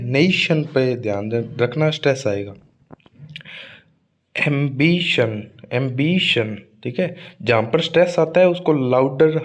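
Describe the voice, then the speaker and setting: A man's voice: mid-range voice, a little mellow. Guy teaching word stress for an exam, medium voice, stretches words out, keeps checking in. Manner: explains slowly, drawing words out to show stress; adds frequent tag checks like "ठीक है" and "है ना". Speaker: English teacher. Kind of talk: exam-prep lesson.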